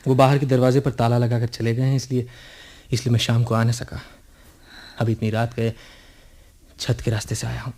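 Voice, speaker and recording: An actor playing a desperate, brooding young man in a radio drama, talking in a hushed, urgent way. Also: medium pitch, completely flat delivery, moderate pace, long pauses, natural voice. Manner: hushed, urgent, often trailing to a murmur. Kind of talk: 1980s radio drama acting.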